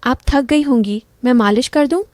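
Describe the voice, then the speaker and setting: A woman voicing a young man, a charming son-in-law, in a gentle, coaxing manner, reading a spoken story. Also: sits high, normal speed, no room sound, clean studio sound, close to an everyday voice.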